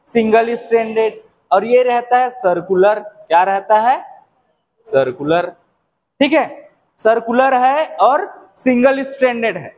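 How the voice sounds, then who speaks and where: Male biology teacher, very high voice, quizzes the class and answers himself. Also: a little mellow. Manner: asks questions and answers them himself. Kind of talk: classroom-style lecture.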